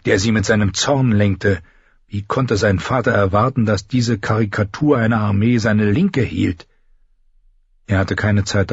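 A man with a husky, slightly breathy voice narrates a fantasy audiobook with measured, dramatic pacing. The recording is dry and a bit dull and lo-fi. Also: on the low side, no echo.

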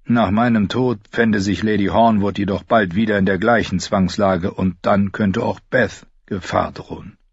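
Brief: a man doing a gentle fatherly old knight, low, husky, dry and lo-fi. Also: fairly even intonation, moderate pace, hardly any pauses, no echo.

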